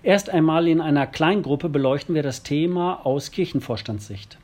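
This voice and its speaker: A parish council member reads out a prepared statement, measured and formal. His voice sits a little high for a man. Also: darkish tone.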